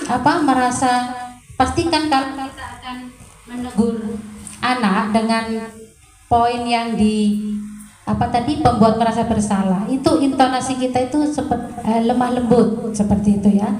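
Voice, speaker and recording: A woman's voice: a little high, dark tone, echoey room, a little hiss or hum, rough recording. A woman teacher adding her explanation in a group discussion, searching for words and using many fillers.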